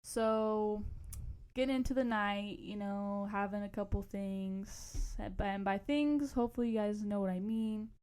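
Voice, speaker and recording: A woman's voice: mid-range voice, unhurried, a little mellow, smooth. A young adult woman co-hosting a podcast, telling stories in a casual, slangy, rambling way and often losing her thread. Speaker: podcast co-host. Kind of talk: casual storytelling chat.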